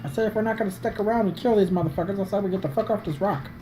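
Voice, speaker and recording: A woman's voice: medium pitch, rapid-fire. A woman playing a tabletop game, chatting casually in a blunt, sweary, joking way. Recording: clear background noise.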